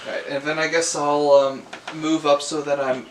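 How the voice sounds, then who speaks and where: A man's voice: a little high, flat delivery, moderate pace, a little hiss or hum. A man playing a tabletop game, speaking in a mild, hesitant way. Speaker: player. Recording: echoey, from a distance.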